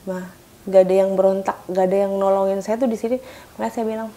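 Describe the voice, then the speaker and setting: A young woman recounting a painful personal experience, telling it animatedly, acting out others' lines in loud high bursts and dropping to whispers. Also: fairly even intonation, fast talker. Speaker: guest recounting her experience. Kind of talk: emotional personal account.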